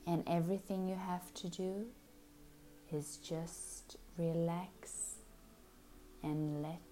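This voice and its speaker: A woman guiding a hypnosis session, speaking softly and soothingly, often slipping into a whisper. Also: fairly low pitch, fairly even intonation. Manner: slow, soothing, drifting into soft whispers.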